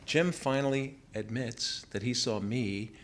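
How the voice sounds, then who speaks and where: On a small theater stage, a writer in his fifties with an American accent reads his first-person essay aloud with measured storytelling, acting out what his family members said. He speaks at a medium pitch, and the live recording picks up room noise and ambience.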